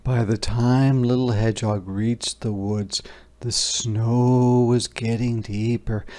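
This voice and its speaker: A read-aloud teacher narrating a picture book for young children. The voice is gravelly with fry and unhurried, expressive, stopping for simple explanations and questions. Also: medium pitch. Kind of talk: interactive children's story narration with casual asides.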